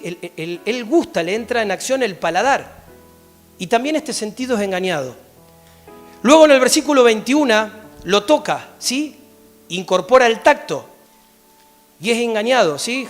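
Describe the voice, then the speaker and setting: High-voiced Argentine pastor preaching. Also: male voice. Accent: Argentine Spanish. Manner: animated, often checks in with a rising "¿sí?". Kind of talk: sermon with Bible reading. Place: church.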